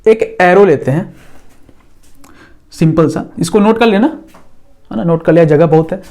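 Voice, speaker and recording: High-voiced male physics teacher. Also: a little slow, darkish tone. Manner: checks in often with the class, casual and patient; talks while drawing on a board. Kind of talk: explaining a lesson at a board.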